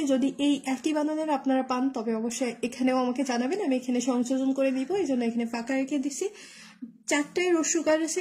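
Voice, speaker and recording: A woman's voice: high-pitched, a little mellow. A woman tutor, teaching an online spelling lesson and spelling words out letter by letter with many fillers. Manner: explains with memory tricks, asks "right?".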